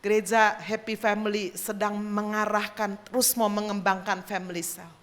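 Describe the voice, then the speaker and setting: A woman pastor preaching a sermon in an animated way, acting out the people in her stories, with an Indonesian accent. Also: medium pitch, moderate pace. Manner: animated preaching with acted-out dialogue. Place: large church hall.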